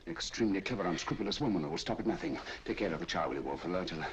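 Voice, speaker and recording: An actor playing a sharp, commanding male detective, brisk and decisive. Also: low voice, sing-song. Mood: urgent. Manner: brisk and decisive, soothing with the child. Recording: dull old film soundtrack, faint hiss.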